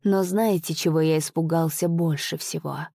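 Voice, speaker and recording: A woman's voice: sits low, steady tone, moderate pace, creaky, warm tone, dry recording, clean studio sound. A woman voicing a sad, subdued masked male cavalier in an audiobook.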